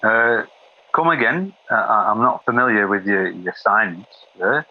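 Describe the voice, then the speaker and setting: A man's voice: fairly low pitch, measured pace, no echo. A man playing a flustered, fussy man who stammers and rambles over a walkie-talkie radio, his voice heard through the radio. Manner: stammering, hesitant, wordy. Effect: muffled walkie-talkie radio sound. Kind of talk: comedy radio sketch. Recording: dull lo-fi walkie-talkie line.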